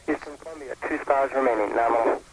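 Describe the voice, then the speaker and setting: A man's voice: mid-range voice, fast talker, a little hiss or hum, low-quality recording. A shuttle crew member, a man, giving clipped procedural callouts over a space-to-ground radio link. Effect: space-to-ground radio transmission. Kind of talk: mission radio communication.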